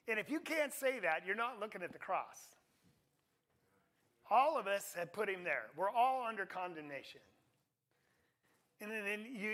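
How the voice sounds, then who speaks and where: High, lively preacher leading a class. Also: male voice. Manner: conversational, asks the audience questions. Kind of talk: interactive Bible class sermon.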